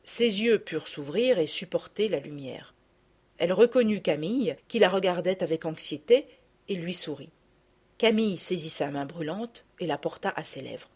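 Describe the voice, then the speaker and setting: A woman narrating a classic children's story aloud in an expressive reading style. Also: on the low side, normal speed, breathy edge. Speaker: audiobook narrator.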